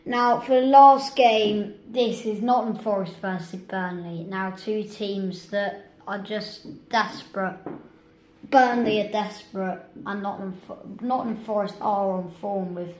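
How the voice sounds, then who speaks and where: A woman hosts a relaxed football chat, chatty and a little hesitant. Her voice is mid-pitched. The room is echoey, with faint background noise. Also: unhurried. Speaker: host. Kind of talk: casual football prediction chat.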